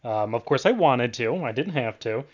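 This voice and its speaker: The host of a student radio interview show, a young adult man, delivers a scripted introduction and then chats with his guest. The sound is lo-fi; his mid-range voice has lively intonation at a moderate pace.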